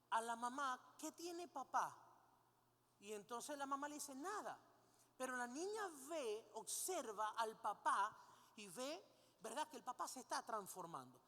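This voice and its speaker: Female preacher, higher voice, sermon with audience questions, long hall reverb. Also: expressive, unhurried, fairly bright tone. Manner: asks the congregation frequent rhetorical questions; leads the congregation in call-and-response.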